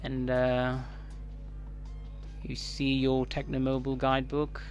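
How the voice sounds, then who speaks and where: A man with a Kenyan East African accent giving casual unboxing commentary as a tech reviewer, haltingly thinking aloud. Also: medium pitch, completely flat delivery. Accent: Kenyan English. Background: music.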